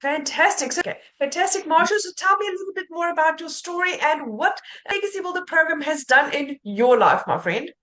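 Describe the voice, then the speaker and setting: Bright high-voiced South African woman host. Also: animated, fairly quick, hardly any pauses, low-quality recording. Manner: warm, gushing praise of her guest. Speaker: live-stream host. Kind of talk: live-stream interview.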